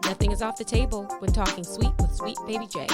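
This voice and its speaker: A woman's voice: medium pitch, fairly even intonation, fast talker, over loud music. A woman reading a scripted podcast intro in a sing-song way. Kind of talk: scripted intro over music.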